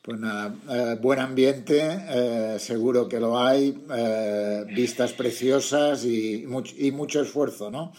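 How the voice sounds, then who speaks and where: A man's voice: medium pitch, takes it slowly, few pauses, slight background noise. A man hosting a podcast, interviewing guests in a casual way with frequent fillers. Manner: relaxed, many fillers. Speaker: podcast host.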